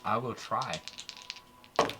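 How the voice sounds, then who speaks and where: A man's voice: on the low side, unhurried, over loud music. A man playing a tabletop game, stating his character's actions directly in the first person. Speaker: player. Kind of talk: casual tabletop game play.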